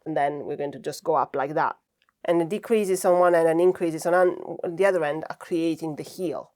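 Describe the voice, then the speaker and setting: A woman's voice: sits low, moderate pace, darkish tone. A woman chatting casually and reflectively to camera while she does crafts, thinking aloud as she goes. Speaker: craft vlogger.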